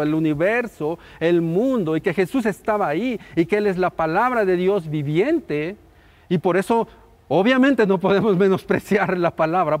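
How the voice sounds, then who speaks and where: A middle-aged man, preaching a sermon as pastor, building emphasis through repeated phrases and then dropping soft at the ends. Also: high-pitched.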